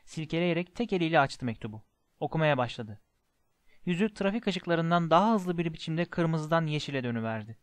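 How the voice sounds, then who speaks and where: A man narrating a story in a measured, expressive reading. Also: a little high, no echo. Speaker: audiobook narrator.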